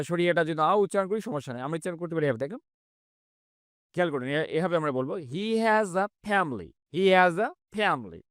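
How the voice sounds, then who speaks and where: A man who speaks Bengali natively, teaching English grammar. He asks questions, answers them himself, and reads example sentences very slowly. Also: fairly high pitch, a bit bright, no room sound, clean studio sound. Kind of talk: reading lesson explaining grammar.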